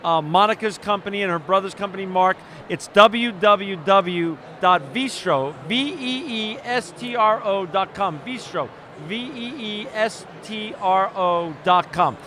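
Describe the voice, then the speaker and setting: Upbeat high-voiced man hosting an interview. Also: measured pace, few pauses, sharp tone, a little hiss or hum. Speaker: radio show host. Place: outdoor festival booth.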